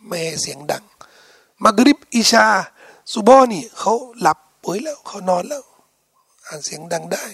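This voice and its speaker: A man preaching an Islamic lecture, telling the story in a colloquial, animated way and putting rhetorical questions to his listeners. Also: high-pitched, moderate pace, creaky, long pauses, husky, no room sound, clean studio sound.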